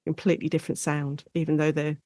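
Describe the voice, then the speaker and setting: A woman with an English accent and a low-pitched voice talks fast, explaining things as an expert guest in a conversational interview. Her manner is animated and informal, and there is no echo.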